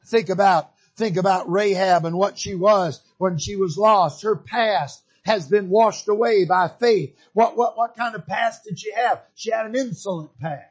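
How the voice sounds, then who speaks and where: A man preaching a sermon, repeating his phrases for emphasis and building to fervent shouts. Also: high-pitched, a little slow, hardly any pauses, slightly rough, highs cut off.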